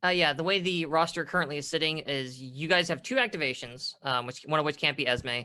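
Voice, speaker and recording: A man's voice: fairly high pitch, a little fast, bright, forceful tone, clean tone. A man working as game master, narrating casually and improvising vivid descriptions.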